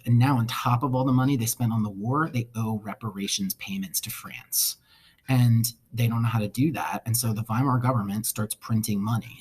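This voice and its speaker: A man's voice: mid-range voice, darkish tone, husky. A male history teacher giving a casual recorded lecture, conversational with wry asides.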